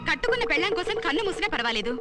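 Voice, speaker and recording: A quick, clever wife. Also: female voice, very high-pitched, very animated, loud music behind the voice. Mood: scheming. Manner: brisk, quizzing. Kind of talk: film dialogue.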